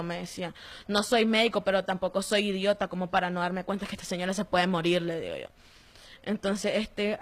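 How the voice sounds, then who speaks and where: A young woman with a Nicaraguan accent giving a personal testimony in an interview, telling her story in a lively way and acting out the voices of the people she quotes. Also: lowish voice. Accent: Nicaraguan Spanish. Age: young adult. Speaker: interviewee, former detainee.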